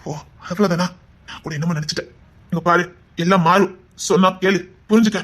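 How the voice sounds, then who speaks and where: A man plays a stern fiancé who gives orders fast and firmly. The voice is mid-pitched and bright, with a hurried, commanding push. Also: steady tone. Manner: firm, commanding.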